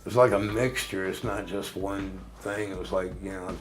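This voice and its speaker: A man speaking as a benefits applicant in a scripted training role-play, halting and hesitant with many fillers. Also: deep voice, steady tone. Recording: music bed under speech.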